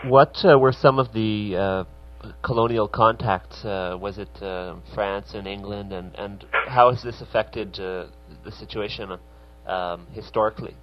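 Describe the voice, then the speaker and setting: A man hosting a radio interview, speaking haltingly with many fillers. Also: on the low side, steady tone, highs cut off. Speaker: radio show host.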